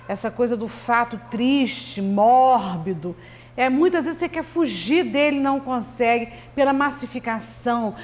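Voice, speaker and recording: A woman co-hosting a local TV talk show, giving earnest, reflective opinions in a measured way. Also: fairly high pitch. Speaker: TV talk show co-host, commentator. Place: local TV studio.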